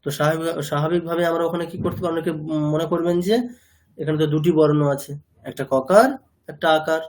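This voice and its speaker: A man's voice: on the high side, fairly even intonation, quick pace, a little mellow. A man teaching a language class, explaining patiently, quizzing his students with questions, and mixing English words into his talk. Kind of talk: classroom lecture.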